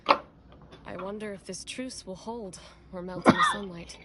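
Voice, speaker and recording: A woman's voice: mid-range voice, a little slow, close to an everyday voice. An actress playing a composed, grateful woman leader of survivors in a game, speaking in polished, formal phrases. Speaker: game character. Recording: game audio with loud background noise.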